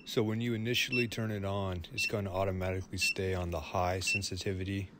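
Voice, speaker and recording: A man's voice: sits low, flat delivery, a little fast, heavy background noise. A man, a plumber, talking through a product review in an easygoing, plain-spoken way.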